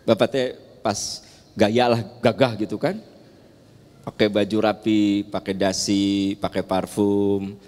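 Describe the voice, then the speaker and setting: A man's voice: on the low side, level tone, takes it slowly, a little mellow. A man with a Sundanese accent giving a playful, teasing sermon in a large mosque, joking with the audience and asking them questions. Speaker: preacher. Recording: long hall reverb in a large mosque.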